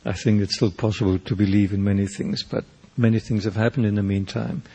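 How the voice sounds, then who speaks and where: As an interview guest, this older poet and painter from South Africa speaks with a South African accent, Afrikaans being his first language. He answers in a thoughtful, halting way with many restarts. His lowish voice is steady and warm.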